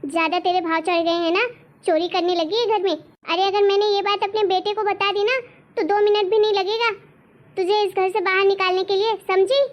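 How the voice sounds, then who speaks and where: A woman's voice: flat delivery, moderate pace, dull audio. A woman voicing a harsh, insulting mother-in-law in a cartoon story. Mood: scolding. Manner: shrill and insulting. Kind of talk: cartoon voice acting.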